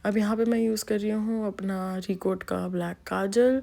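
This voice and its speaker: A woman's voice: medium pitch, steady tone, a little slow, gravelly, mellow. A woman with an Indian accent giving a makeup tutorial voice-over, switching freely between Hindi and English with frequent ums and restarts. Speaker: makeup artist.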